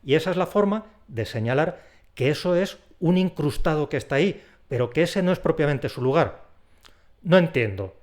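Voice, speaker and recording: A man teaching punctuation, in a clear, deliberate explanatory voice that acts out the intonation of his example sentences. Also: on the high side, darkish tone. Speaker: Spanish grammar teacher. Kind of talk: recorded video lesson.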